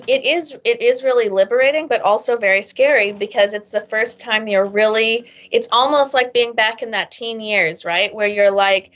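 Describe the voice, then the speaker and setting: A woman's voice: medium pitch, a bit bright. A woman therapist and author talking as a podcast guest in long rambling explanations, often asking "right?" and acting out the thoughts of the people she describes. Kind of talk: casual interview talk. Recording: dull lo-fi sound.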